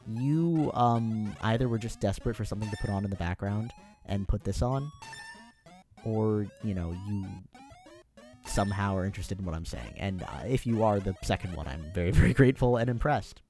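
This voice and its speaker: A man's voice: fairly low pitch, animated, normal speed, a little mellow, soft background music. An American man chatting on his own during a livestream, rambling and self-deprecating with plenty of fillers. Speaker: streamer.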